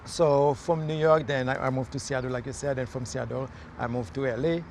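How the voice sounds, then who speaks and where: A man's voice: mid-range voice, steady tone, brisk, darkish tone, slight background noise. A man from Haiti, a mayoral candidate, talking earnestly in a casual outdoor interview with many fillers and restarts. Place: outdoors in a city near traffic.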